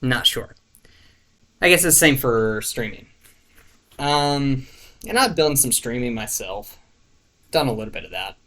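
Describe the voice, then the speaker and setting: A YouTuber talks casually to camera in a medium-pitched, slightly bright, sing-song voice, unhurried and with long pauses. He rambles, searching for words with lots of fillers, restarts and the odd swear, in a laid-back, self-deprecating way. French is not his first language.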